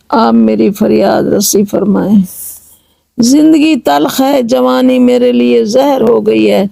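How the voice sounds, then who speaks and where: Gravelly-voiced woman reciting a devotional prayer. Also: fairly high pitch, warm tone, no room sound, poor audio. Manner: slow, pleading chant of verses, then measured explanation. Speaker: religious reciter and translator. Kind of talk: devotional recitation with line-by-line translation.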